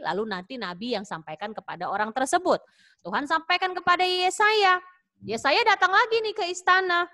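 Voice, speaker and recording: A woman tells a Bible story to children as a Sunday school teacher, in an animated, casual way. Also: mid-range voice.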